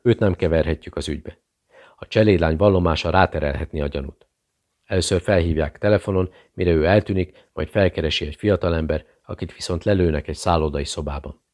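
A man's voice: low voice, darkish tone, natural voice. A man playing a cold, commanding male conspirator giving orders on the phone. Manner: curt and commanding.

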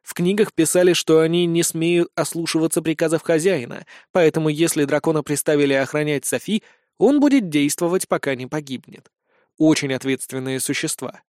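Guy narrating a silly fantasy audiobook, kinda high voice, lively. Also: fairly quick, dry recording, clean studio sound.

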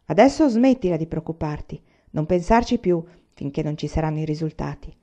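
A woman reading the part of a kindly father, gentle and reassuring. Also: sits low, expressive, fairly quick. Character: kindly pioneer father, man.

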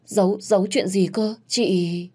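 A woman's voice: medium pitch, slow, darkish tone, slightly rough, pitched above the performer's own voice. A woman voicing a frightened pregnant young woman who stammers and trembles. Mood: fearful.

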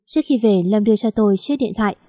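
Woman narrator, mellow warm tone, dry close sound, steady story reading. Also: mid-range voice, fast talker, dry recording.

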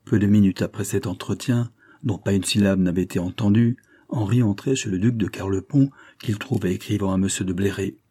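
Husky low-voiced man reading a novel. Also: brisk, mellow. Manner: voices characters' dialogue with raised pitch and force. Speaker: audiobook reader. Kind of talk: reading a classic novel aloud.

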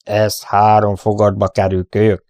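A man voicing a hot-tempered cowboy bully in an audiobook, shouting threats. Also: fairly low pitch, completely flat delivery, no room sound, lightly acted. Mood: angry threatening.

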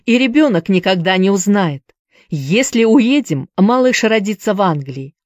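An ardent young man in an audiobook pleads with rising urgency, as a woman narrator voices him. His tone stays dark and mellow, and the dry, close sound puts him right at the listener's ear. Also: medium pitch, expressive, unhurried, no room sound, close to an everyday voice. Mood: urgent pleading.

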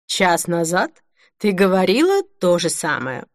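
Brief: woman narrator as a weary young woman, grumbling, flat, deadpan answers. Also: fairly low pitch, a little slow, no room sound, clean studio sound. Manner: flat, grumbling, muttered replies. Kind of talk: audiobook character reading.

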